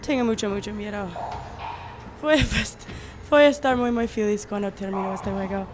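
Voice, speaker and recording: A woman doing horror game commentary who talks in a nervous, frightened, halting way. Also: medium pitch, steady tone, noisy background. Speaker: let's player.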